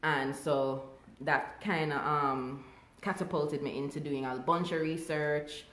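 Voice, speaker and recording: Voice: medium pitch, slow. A Jamaican singer talking candidly and casually as an interview guest. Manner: relaxed, candid, lively. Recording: echoey room.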